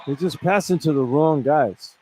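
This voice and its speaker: A man works as color analyst on a live radio broadcast of a college basketball game, explaining plays conversationally and often repeating his phrases. His voice is fairly high and moderately paced, with arena noise and ambience behind the broadcast.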